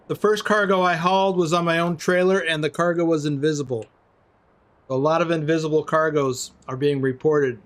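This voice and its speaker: Older man, somewhat high voice, casual live-stream commentary, relaxed, chatty, talks to viewers. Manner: relaxed, chatty, greets and answers viewers by name. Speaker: game streamer.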